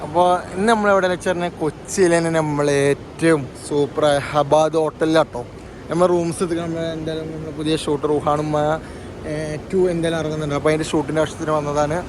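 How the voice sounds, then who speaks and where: A man vlogging casually to viewers, mixing English slang into his Malayalam and excitedly repeating catchphrases. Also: fairly high pitch, quick pace. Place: hotel room and surroundings, on the move. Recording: noisy handheld vlog, ambient background noise.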